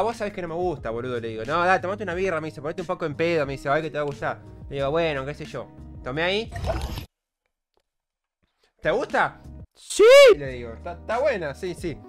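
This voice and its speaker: A young man in his twenties with an Argentine accent, a streamer telling a crude, self-mocking story to his chat with lots of slang. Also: a little high. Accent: Argentine Rioplatense Spanish. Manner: animated, crude slangy banter, laughs at himself.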